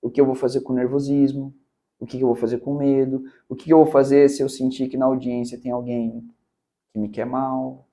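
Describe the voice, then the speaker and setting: Speaking fairly quickly with a warm, level, medium-pitched voice, a Brazilian man with a Brazilian Portuguese accent gives public-speaking mentoring in a casual interview. He's emphatic, regularly capping his points with "cara" and "né".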